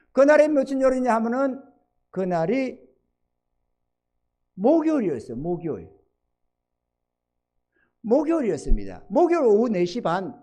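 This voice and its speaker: A man's voice: very high-pitched, darkish tone. A middle-aged male pastor preaching a sermon, telling a personal story, acting out dialogue and putting questions to the congregation.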